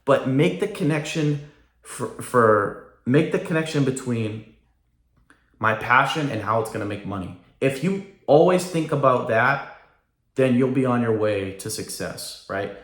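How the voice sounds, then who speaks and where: Guy vlogging a rant, keeps saying right?, mid pitch, echoey room. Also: expressive, a little slow. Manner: emphatic, repeats "right?". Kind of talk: casual rant to camera. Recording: roomy echo.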